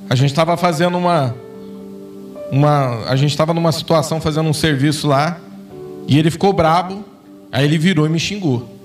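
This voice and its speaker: A Brazilian pastor with a high voice preaches in church, telling stories and playing out the dialogue in them. He sounds a little far from the mic, with soft music underneath. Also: fairly quick. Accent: Brazilian Portuguese. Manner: storytelling, acts out quoted dialogue with rising intensity. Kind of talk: sermon. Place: church sanctuary.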